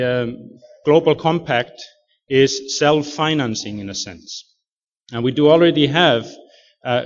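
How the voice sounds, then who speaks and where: Male lecturer from Iceland, halting delivery with fillers, mid-pitched, dull recording. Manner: halting, many fillers and restarts. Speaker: speaker presenting slides. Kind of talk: lecture presentation. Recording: muffled lo-fi recording.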